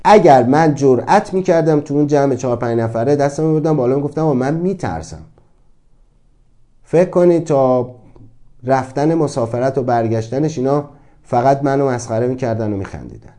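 A man's voice: medium pitch, warm tone. A man giving a motivational talk, earnest and reflective, asking many rhetorical questions. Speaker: speaker on self-acceptance.

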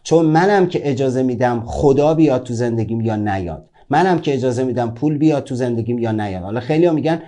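A man's voice: mid-range voice, expressive, few pauses, dark tone. A man teaching a self-help course, giving an informal motivational talk and speaking directly to his listeners in a conversational way.

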